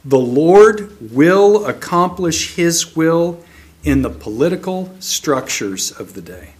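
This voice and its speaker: A man preaching a sermon, reading scripture aloud in a slow, measured way, then explaining it. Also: fairly high pitch, expressive.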